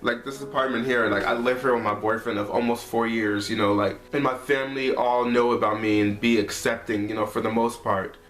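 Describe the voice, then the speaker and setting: A man's voice: mid-range voice, fairly even intonation, a little fast, few pauses, fairly bright tone. A man in his twenties telling a personal story to camera in a casual, heartfelt way, leaning on "like" and "you know.". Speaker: vlogger. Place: his apartment, indoors. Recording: echoey room, faint music behind.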